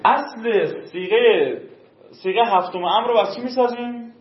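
A male teacher giving a classroom grammar lesson, drilling verb forms and quizzing his students. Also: sits high. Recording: dull, roomy classroom recording.

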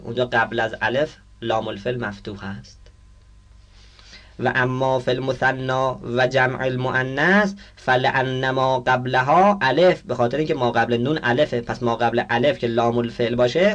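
A man teaching a grammar lesson, reading out Arabic text and explaining it, often asking the class questions and answering them himself. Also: medium pitch.

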